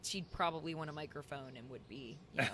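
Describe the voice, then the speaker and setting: A woman guest on a podcast, telling stories in a lively way and laughing often, in an outdoor courtyard. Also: deep voice, fast talker, slight background noise. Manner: laughing, animated storyteller. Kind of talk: casual conversation.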